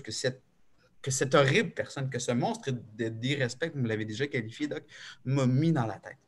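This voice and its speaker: A man with a Québécois accent, calling in to tell a personal story in an agitated, halting way, full of restarts. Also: mid-range voice. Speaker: caller. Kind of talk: call-in confession.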